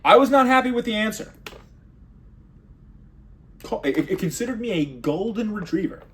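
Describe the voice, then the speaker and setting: A man doing a rambling comedic monologue, sarcastic with deadpan asides. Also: sits high, moderate pace, slight background noise.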